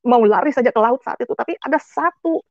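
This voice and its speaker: A woman's voice: a little high, quick pace, no room sound, highs cut off. A woman giving an emotional personal testimony, often turning to address her audience directly. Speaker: testimony speaker.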